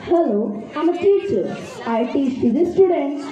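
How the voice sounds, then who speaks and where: A female student performer with a high, dark-toned voice recites simple scripted puppet-show dialogue in a rehearsed manner, speaking a little slowly with lively intonation. The audio is muffled and very echoey, captured in a noisy room full of chatter.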